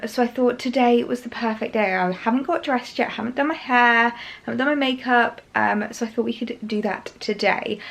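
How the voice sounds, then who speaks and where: Croaky, chatty young British woman. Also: fairly high pitch, fairly bright tone. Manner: chatty, many ums and likes. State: a bit croaky from early morning. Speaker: fashion influencer vlogger. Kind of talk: casual chatty sponsored vlog.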